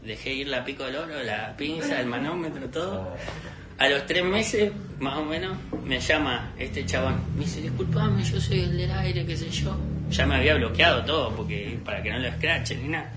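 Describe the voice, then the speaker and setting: A man's voice: medium pitch, moderate pace, reverberant, very noisy. A young man with an Argentine Spanish accent, telling a personal story in casual chat, acting out the dialogue and laughing often. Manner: animated, acts out dialogue with laughter. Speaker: podcast host telling a story.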